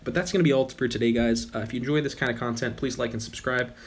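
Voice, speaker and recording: A young gaming channel host talks fast at medium pitch, his voice slightly rough as he loses it. He chats casually over gameplay, rambling and regularly stopping to correct himself.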